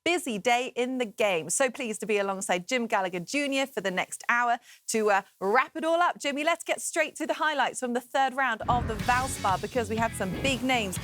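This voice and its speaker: A woman hosting a golf studio show, delivering broadcast commentary on highlights. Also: normal speed, few pauses, fairly bright tone, no room sound. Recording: music bed behind studio narration. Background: music.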